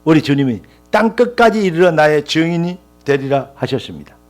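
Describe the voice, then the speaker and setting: A man's voice: fairly high pitch, animated, fairly quick, soft background music. A male pastor preaching a sermon with impassioned, rising emphatic lists and calls of hallelujah.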